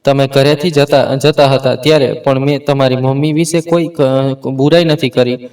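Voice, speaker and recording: Guy doing a sharp-tongued young wife, griping, mic kinda far off. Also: medium pitch, steady tone, normal speed, natural voice. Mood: aggrieved. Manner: complaining, defensive. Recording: voice set back from the mic.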